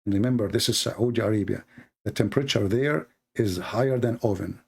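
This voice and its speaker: Hosting a live call-in debate stream, this man argues combatively and sarcastically in fluent English marked by non-native grammar. His lowish voice is creaky and husky, and he talks a little fast through the heated argument.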